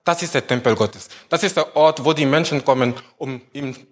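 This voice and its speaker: A man preaching a sermon as pastor, slow and emphatic, often repeating words and phrases. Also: medium pitch.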